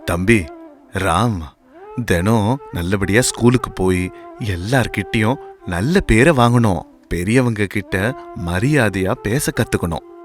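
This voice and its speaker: A man voicing a calm, kind village potter father who speaks in a slow, reassuring way. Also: on the low side, soft background music. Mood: advising. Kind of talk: storybook voice acting.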